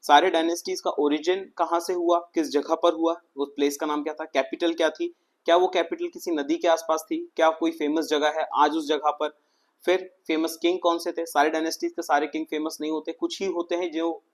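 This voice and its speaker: Male teacher, slightly high voice. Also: level tone, brisk. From India. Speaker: exam coaching teacher. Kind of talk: conversational exam-prep lesson.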